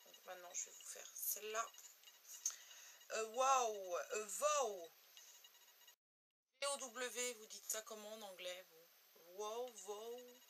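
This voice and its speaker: A woman from France reviewing makeup swatches in a home beauty video, talking slowly and letting repeated words fade quietly. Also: mid-range voice, slight background noise, poor audio. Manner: slow, drawn-out, trails off quietly on repeated words. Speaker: beauty blogger.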